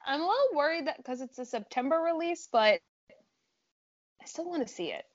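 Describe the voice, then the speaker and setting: A woman's voice: high-pitched, lively intonation, fairly quick, muffled recording. A woman co-hosting a casual trailer-reaction chat, chatty and enthusiastic. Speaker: co-host.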